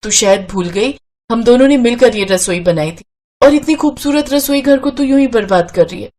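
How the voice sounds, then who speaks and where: A woman's voice: fairly high pitch, expressive, moderate pace, a little mellow. Woman playing a sweet-ish kinda smug young twin sis, storybook voice. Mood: scolding. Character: mild-mannered young twin sister, a bit smug. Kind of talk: storybook character voice.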